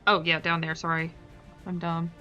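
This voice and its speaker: Chatty woman streamer, bright tone. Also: fairly low pitch, flat delivery, normal speed, muffled recording, faint music behind. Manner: chatty, self-deprecating, talks to chat. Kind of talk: casual gameplay commentary.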